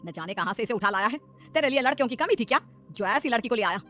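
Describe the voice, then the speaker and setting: A woman voicing a sharp-tongued, traditional older mother-in-law in an animated story. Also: on the high side, fast talker, soft background music. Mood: scolding.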